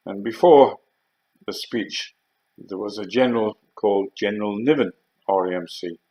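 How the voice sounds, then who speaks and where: An older army veteran with a Geordie accent, from Northeast England, tells casual, rambling war stories in a low voice with a darkish tone. His pace is unhurried and hesitant, peppered with fillers, on a low-quality recording.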